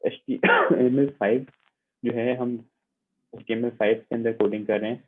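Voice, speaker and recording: A man's voice: medium pitch, fairly even intonation, moderate pace. A man teaching a computing lab online, explaining step by step as he demonstrates on screen and checking in often with his students. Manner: patient, repetitive explaining with frequent check-ins. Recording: tinny, phone-like narrow sound.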